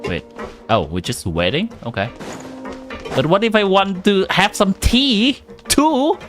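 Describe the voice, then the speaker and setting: A man's voice: high voice, very animated, slow, fairly bright tone. A man streaming a game and chatting playfully with his viewers, his voice run through an AI voice changer. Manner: chatty, playful, talks to chat. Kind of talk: casual live-stream chat over gameplay. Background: game music.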